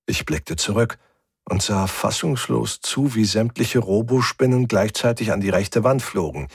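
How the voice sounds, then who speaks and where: A man narrating a first-person sci-fi audiobook in a steady, gritty storytelling manner. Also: fairly low pitch, unhurried, creaky, slightly rough, no echo, studio quality.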